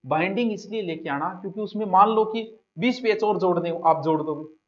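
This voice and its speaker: A man's voice: high voice, fairly quick. A male coaching teacher, giving a direct, conversational exam-prep lecture to students. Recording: dull lo-fi classroom recording.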